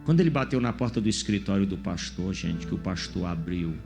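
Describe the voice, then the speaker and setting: A man's voice: low-pitched, animated, a little fast, creaky, over music. A man from in Brazil, a pastor preaching a testimony sermon and acting out the voices of the people in his story. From Maranhão, Brazil. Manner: storytelling, acts out the voices of others.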